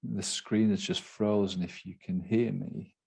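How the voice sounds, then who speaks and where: A man's voice: on the low side, fairly even intonation, a little slow, vocal fry, a little mellow, slightly rough. A man hosting an online event, heard over a video conference call, talking loosely with many fillers. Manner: loose, filler-heavy talk. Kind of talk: casual live-stream hosting.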